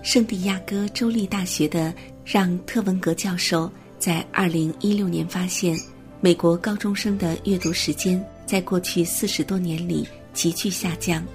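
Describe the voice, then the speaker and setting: A woman with a low-set, gravelly voice gives a steady, measured scripted narration. She reads evenly from a prepared text, and faint music plays behind her.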